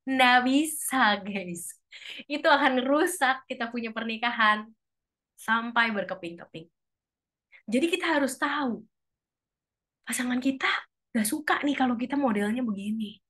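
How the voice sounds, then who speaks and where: Woman chatting to a church group, slightly high voice, acts out quotes. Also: animated, a little slow, long pauses, fairly bright tone. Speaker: speaker at a church couples' fellowship. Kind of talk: casual talk to a church group.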